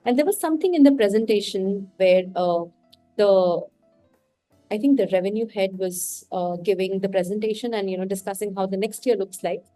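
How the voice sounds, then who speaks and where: This Indian podcast guest, speaking with an Indian English accent, talks reflectively and candidly, thinking aloud in a casual interview conversation. Her mid-range voice has a dark tone at normal speed. The recording is dry with faint music behind.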